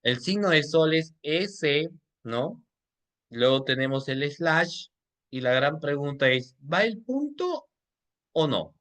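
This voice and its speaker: A man's voice: on the high side, slow pace, a bit bright, smooth. A man teaching an online class on legal writing, who quizzes his listeners, repeats his questions and addresses them as doctors. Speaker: law instructor.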